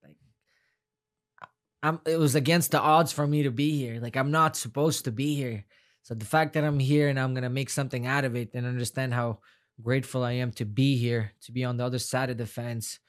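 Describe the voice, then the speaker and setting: A young Afghan man whose first language is Farsi speaks English as a non-native, appearing as a guest fighter in a casual interview. His mid-range voice is steady and brisk. He rambles heartfeltly and repeats words.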